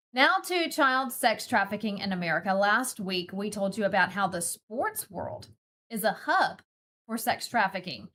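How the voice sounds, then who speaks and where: A woman's voice: on the high side, a bit bright. A woman hosting a morning news show, asking direct and pressing questions. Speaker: news host.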